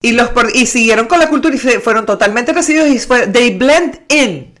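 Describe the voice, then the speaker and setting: A woman's voice: a little high, animated, a little fast, a bit bright. A Venezuelan woman in casual chat, rambling and restarting her sentences. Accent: Venezuelan Spanish. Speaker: conversation partner.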